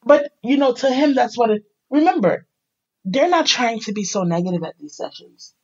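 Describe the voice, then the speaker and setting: A middle-aged woman telling her life story in a candid, animated conversation, acting out the people she quotes. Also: fairly high pitch, moderate pace, lo-fi sound. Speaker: podcast host sharing her life story.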